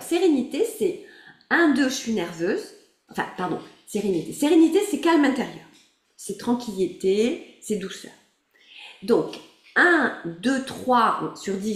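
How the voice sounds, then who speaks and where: On a video call, a woman with a fairly high voice guides a group through an emotional exercise. She is encouraging, laughs often, and calls on people by name, and the recording has a roomy echo.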